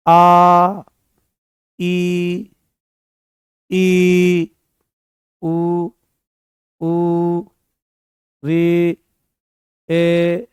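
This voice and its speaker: A man's voice: high voice, a little mellow, no room sound, studio quality. A man teaching an online exam-prep class, repeating key phrases and coaxing his students with affectionate names.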